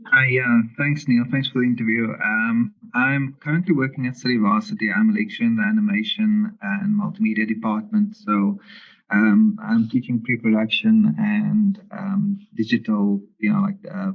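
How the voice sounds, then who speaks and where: A man's voice: on the low side, vocal fry. A man, a lecturer answering interview questions in an explanatory way over a narrow-band connection. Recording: muffled, phone-like narrow band.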